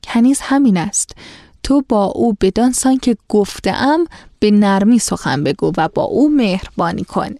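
A harsh old desert tribesman, quick to anger and scolding, in a storybook reading, as a woman reads his lines in her own voice. The sound is dry and close, with no room around it. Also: medium pitch, lively intonation, warm tone, no room sound, lightly acted. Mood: coaxing. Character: cruel, angry old desert tribesman, a slave seller.

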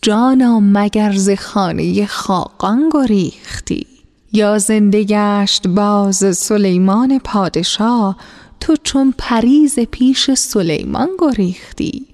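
A woman reading as a gentle, dignified merchant. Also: mid-range voice, natural voice. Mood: admiring. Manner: gentle and courteous. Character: dignified, kindly middle-aged merchant.

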